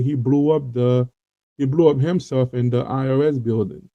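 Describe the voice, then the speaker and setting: A man from Haiti, speaking with a Haitian accent, hosts an online talk show and talks earnestly to his audience in an informal monologue riddled with fillers and repetitions. His voice is mid-range, creaky, and mellow, in a dull, dry, lo-fi recording.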